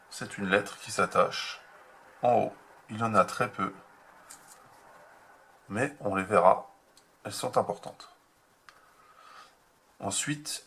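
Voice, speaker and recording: A man teaching a remote handwriting lesson to young children, slow and patient, spelling out each step. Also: lowish voice, sharp tone, breathy edge. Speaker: kindergarten teacher.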